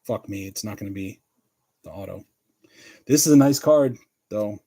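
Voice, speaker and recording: A man's voice: fairly low pitch, normal speed, mellow. A man hosting a live card break, chatting casually, calling out players and laughing often. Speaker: card breaker livestream host.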